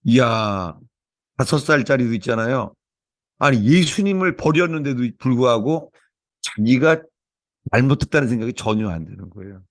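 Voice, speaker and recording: Korean pastor, dry close sound. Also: male voice, medium pitch, animated, moderate pace, dry recording. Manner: earnest, storytelling, many repetitions. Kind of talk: sermon with opening prayer.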